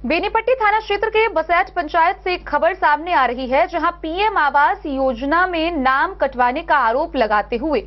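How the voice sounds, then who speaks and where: Woman anchor, very high pitch, crisp scripted headline, lo-fi sound. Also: normal speed, few pauses. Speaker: news anchor. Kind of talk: scripted news intro.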